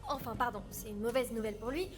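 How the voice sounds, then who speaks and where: A woman's voice: a little high, fast talker, music in the background, close to an everyday voice. A woman playing a chirpy, morbidly eager young podcaster in a video game. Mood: morbidly cheerful.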